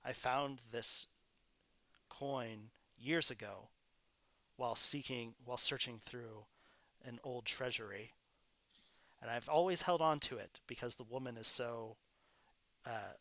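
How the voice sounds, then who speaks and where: A man's voice: medium pitch, measured pace, long pauses, pushed and bright, no room sound. A man voicing a nervous male thief who stammers and fumbles for answers. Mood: puzzled. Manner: stammering, flustered. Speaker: non-player character voiced by the game master.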